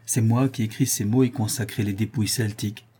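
Storybook English lord, skeptical and learned, slow lecturing delivery, man reading him in a mellow voice. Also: lowish voice, steady tone, slightly rough. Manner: measured, lecturing.

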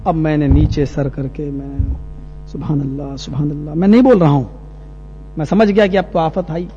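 High-voiced male preacher telling a story. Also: long reverb tail, muffled recording, a little hiss or hum. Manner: animated anecdote-telling, acting out characters. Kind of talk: sermon storytelling.

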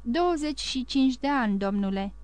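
A woman's voice: on the high side, animated, darkish tone, smooth, dry recording, natural voice. A woman reading the lines of a humble 55-year-old man who keeps a telegraph post and answers plainly and modestly. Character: humble 55-year-old male telegraph keeper, contented gardener.

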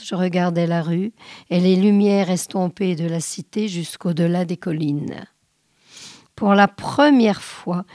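A woman reading a short story aloud in a measured, often hushed way. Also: mid-range voice, no room sound, clean studio sound. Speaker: reader.

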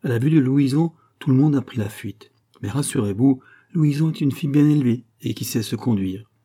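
A bold, good-humoured old-world sea captain speaks with swagger and teasing cheer, as a male audiobook reader puts him on. His voice is mellow and slightly husky. He sounds like a storybook figure from an adventure tale. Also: medium pitch, fairly quick, voice pushed up, lightly acted. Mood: proud.

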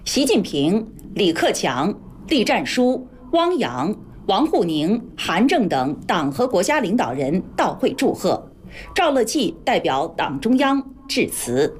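A woman with a standard mainland Mandarin accent reading scripted news as a formal, measured anchor. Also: mid-range voice, very animated, slight background noise.

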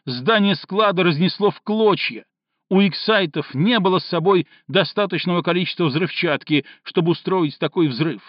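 A man voicing a shrill hysterical young woman. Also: normal speed, no room sound, lo-fi sound. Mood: accusing. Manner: shrill, sobbing, shouting.

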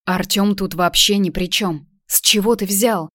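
A woman's voice: mid-range voice, measured pace, fairly bright tone, no room sound, clean studio sound. A woman reader voicing a flustered young mother who answers tensely and defensively in an audiobook. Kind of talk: audiobook character voice.

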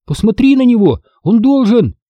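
A timid, excitable little boy who is sure the house is haunted, as a man reading a storybook puts him on. He pleads and insists in a high, lively, eager whisper with a husky edge. The sound is dry and close. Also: normal speed, no echo, highs cut off, exaggerated voice. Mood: insistent.

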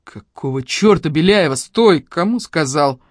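A woman voicing a gruff, growling police major. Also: deep voice, lively intonation, unhurried, no echo. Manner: growling, curt, sarcastic. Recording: dry close studio sound.

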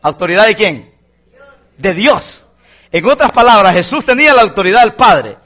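A man's voice: high voice, very animated, normal speed, pushed and bright. A male pastor preaching a fervent sermon to his congregation, often calling his listeners brother. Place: church congregation.

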